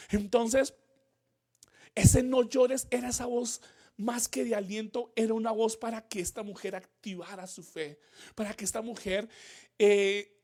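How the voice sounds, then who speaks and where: A man's voice: high voice, a little mellow. Earnest male pastor preaching a sermon. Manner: earnest preaching, repeats key phrases, rises in emphasis. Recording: church livestream.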